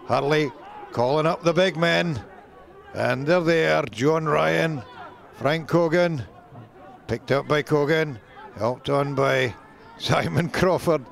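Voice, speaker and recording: Scottish male rugby commentator, gravelly, brisk play-by-play. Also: on the high side. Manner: lively play-by-play, rising with the action. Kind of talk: sports commentary.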